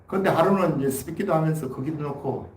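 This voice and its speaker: A man's voice: fairly high pitch, fast talker. A man preaching a Sunday sermon as pastor, telling a story in a folksy way and then pressing the point with emphatic exhortation. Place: church sanctuary. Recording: echoey church hall.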